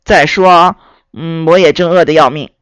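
A woman voicing a big, hungry male wolf in a children's story, talking gruffly and bluntly. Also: fairly even intonation, normal speed, no echo, lightly acted. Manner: gruff, lower and louder than the narration.

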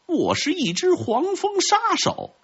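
A man voicing a bold female wasp assassin who exclaims in a high, brash voice. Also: wildly swooping pitch, takes it slowly, a bit bright, muffled recording, heavily acted. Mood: boastful.

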